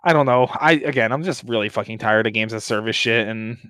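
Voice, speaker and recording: A man's voice: lowish voice, fairly quick, fairly bright tone, no echo, clean studio sound. Slangy frat-bro guy chatting. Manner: slangy frat-bro talk, saying bro and dude, swearing. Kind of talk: casual group chat about games and anime.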